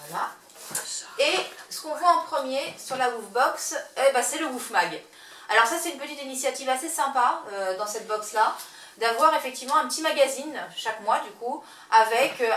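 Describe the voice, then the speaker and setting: A woman's voice: a little high, fairly bright tone. Chatty woman, hesitant, in a roomy space. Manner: chatty, hesitant with frequent fillers. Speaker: pet channel host. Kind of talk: casual unboxing vlog. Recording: roomy echo, mic at a distance, faint noise.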